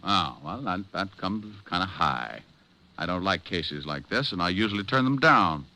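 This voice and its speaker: Richard Diamond, deep-voiced wisecracking detective. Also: male voice, lively intonation, normal speed, pushed and bright, exaggerated voice. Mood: wry. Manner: glib, sardonic wisecracks. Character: wisecracking, flirtatious, cocky male private detective. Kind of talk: old-time radio detective acting with first-person narration.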